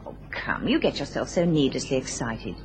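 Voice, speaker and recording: A woman's voice: a bass voice, big pitch swings, moderate pace. A woman playing a poised, dry-witted upper-class wife in an old radio drama, soothing and questioning, on a noisy recording. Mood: soothing, curious.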